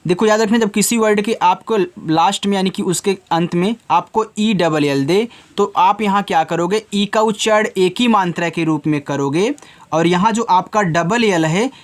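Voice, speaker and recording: Patient man spelling out English words. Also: sits high. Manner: slow, patient spelling out of letters; addresses the learners as children. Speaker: English teacher. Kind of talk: spoken phonics lesson for children.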